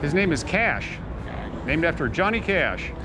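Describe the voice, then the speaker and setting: A man's voice: on the high side, sing-song, unhurried. A man walking his dog through an outdoor shopping mall, chatting easily with passersby and talking to his dog. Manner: easygoing, friendly, talks to his dog. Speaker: dog owner filming a walk. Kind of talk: casual chat with passersby. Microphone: body-worn camera. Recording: loud outdoor street noise. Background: loud outdoor crowd and traffic noise.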